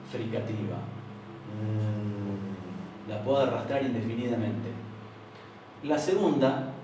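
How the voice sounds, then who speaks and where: A young man with an Argentine Spanish accent, mid-range in voice, patiently explains things to an informal university class and keeps asking whether students agree. The far room microphone sits at a distance in a very echoey room, and the background is noisy.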